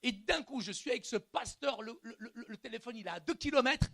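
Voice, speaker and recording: A male pastor preaching a sermon in a church, animated and colloquial, moving from hushed lines to shouting. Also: very high-pitched, fairly quick, vocal fry. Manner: colloquial street slang.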